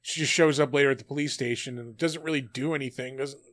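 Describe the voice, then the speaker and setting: A man's voice: medium pitch, fairly even intonation, quick pace, fairly bright tone. A man co-hosting a casual chat, laid-back, laughing often and swearing freely. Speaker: podcast co-host.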